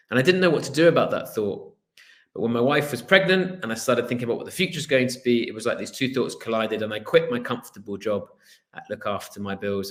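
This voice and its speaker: A Welsh man in his thirties, a business founder giving an earnest online presentation with a storytelling manner and the odd filler pause. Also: medium pitch, fairly bright tone. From Wales. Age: 30s. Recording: roomy echo.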